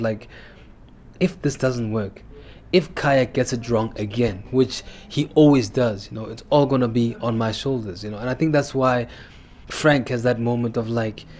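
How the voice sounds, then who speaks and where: A man's voice: medium pitch, darkish tone, slight background noise. Earnest man reflecting on his role. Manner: earnest, reflective, many fillers. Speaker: actor. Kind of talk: behind-the-scenes interview.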